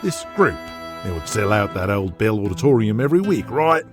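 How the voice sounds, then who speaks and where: A male narrator in an audio drama takes on a domineering Australian tycoon and big-game hunter, boastful, foul-mouthed and intimidating, pitching him higher than his normal speaking voice. Speaking at normal speed with big swings in pitch, he sounds commanding and scornful while music plays clearly underneath.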